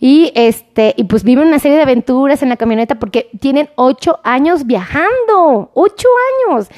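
A high-pitched woman with a Mexican accent, a doctor hosting a live stream. She chats casually and affectionately, reads out viewer comments and greets each person by name, close to the mic. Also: brisk, dark tone. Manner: chatty and affectionate, sends greetings and kisses by name.

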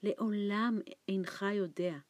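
A woman reading an audiobook, voicing a frightened, starving old man who talks in anxious, hushed pleas. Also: fairly even intonation, no room sound, natural voice. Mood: fearful. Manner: anxious hushed pleading, raised pitch. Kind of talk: audiobook character voice.

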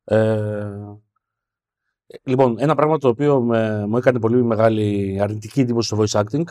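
A man co-hosting a casual film discussion podcast, thoughtful, restarting sentences with fillers and often trailing off quietly. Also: lowish voice, fairly even intonation. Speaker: podcast co-host.

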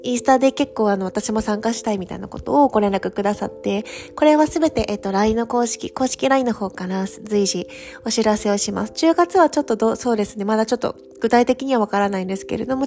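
A woman's voice: mid-range voice, fast talker, a little mellow, faint music behind. A woman hosting a solo podcast as a coach, chatting to her listeners in a conversational, encouraging way. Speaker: podcast host and France study-abroad career coach.

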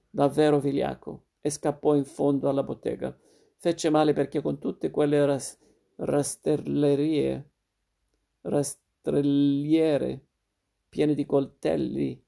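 A man narrating a literary short story in a steady, measured reading. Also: fairly high pitch, vocal fry.

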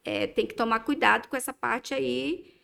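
A dermatologist from Minas Gerais, Brazil, chats as a guest on a talk show, her mixed Brazilian Portuguese accent coloring her speech. Her voice is fairly high, bright and forceful, with vocal fry, a steady tone and normal speed. She hesitates a lot, leaning on fillers and restarting her sentences.

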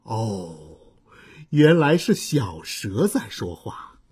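Slow, expressive woman storyteller. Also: a bass voice, slightly rough. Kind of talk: children's story narration. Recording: soft violin music behind.

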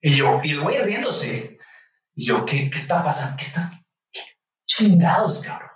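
A young Mexican man, a medical student, telling a story casually and lively, acting out the voices of the people in it. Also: on the high side, moderate pace, recorded from a distance. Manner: animated, acts out voices in anecdotes. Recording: echoey room, voice off-mic, slightly dull.

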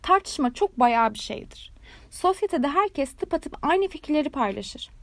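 A talkative, self-satisfied frog from a storybook, voiced by a woman reading the tale. She gushes along sweetly without a pause, pleased with everything she says. The voice sits high and sounds close and dry. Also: expressive, fairly bright tone, dry recording, full character voice. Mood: sweetly smug. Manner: gushing, nonstop talker, sweetly self-satisfied. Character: chatty, smug frog who loves her own voice.

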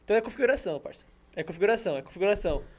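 Very fast-talking young man. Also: high voice, lively intonation. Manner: rapid, slangy, repeats himself. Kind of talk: casual chat.

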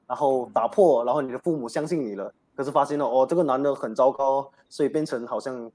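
A man's voice: mid-range voice, fast talker, mellow. A man hosting an advice show, talking casually with many fillers. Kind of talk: casual radio talk.

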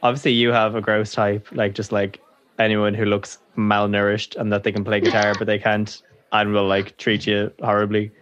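A man's voice: on the low side, completely flat delivery, normal speed, fairly bright tone. A young man chatting casually as a podcast co-host, with informal banter and some swearing. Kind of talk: casual chat. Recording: dull lo-fi podcast audio.

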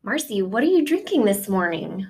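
Gravelly-voiced woman co-host. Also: mid-range voice, big pitch swings, darkish tone. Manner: friendly interviewer, quick affirmations. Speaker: podcast co-host. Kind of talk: casual chat.

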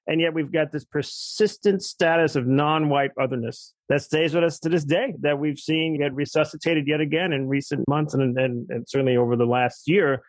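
A man's voice: fairly high pitch, steady tone, dry recording, rough recording. A man on a discussion panel with an academic tone, often tagging his points with "right?". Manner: rapid, keeps checking in with "right?".

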